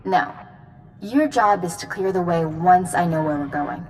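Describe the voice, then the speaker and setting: An actress voices a grave, resolute Jedi commander in a video game cutscene, delivering briefings in a serious, measured, authoritative way. Her fairly low, darkish voice feels close to everyday speech, with slight background noise.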